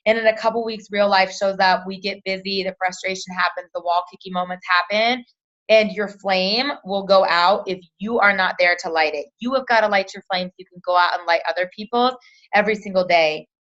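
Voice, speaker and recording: A woman's voice: medium pitch, a little fast, dull audio. Peppy woman leading a team call. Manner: energetic, pep-talk delivery with repeated "right?" and "you guys". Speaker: team leader on a conference call.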